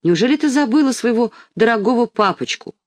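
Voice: mid-range voice, lively intonation, a little fast, no echo, studio quality, pitched above the performer's own voice, close to an everyday voice. A reader voicing a fat man posing as a father, thin-voiced and whiny. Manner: whiny, wheedling.

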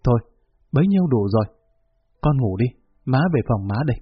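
A man's voice: mid-range voice, fairly quick, husky. A man reading as a cold, blunt mother. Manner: flat, level, unbending delivery. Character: cold, blunt middle-aged mother scolding daughter. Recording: dull lo-fi recording.

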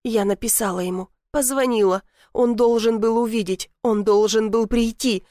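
A woman's voice: fairly high pitch, fairly even intonation, normal speed, dark tone, dry recording, clean studio sound. A woman reading a first-person novel aloud, telling it tensely and dramatically. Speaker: audiobook narrator.

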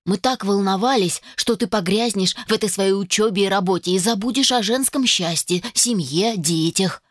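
A woman's voice: mid-range voice, moderate pace, no room sound, clean studio sound, natural voice. A woman voicing a fussy, pushy, doting middle-aged mother in an audiobook, nagging and insistent. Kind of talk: audiobook character voice.

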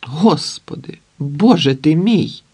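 A man's voice: a little high, animated, takes it slowly, warm tone, slightly rough, pitched above the performer's own voice, heavily acted. A man voicing a sentimental, timid middle-aged accountant who exclaims in a flustered way. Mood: alarmed.

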